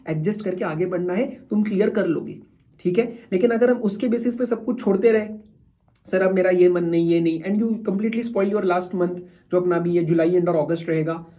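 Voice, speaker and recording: A man's voice: sits high, mellow. A man mentoring exam students in a casual motivational talk, mixing Hindi and English as he gives firm, reassuring advice. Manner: conversational, mixes Hindi and English freely.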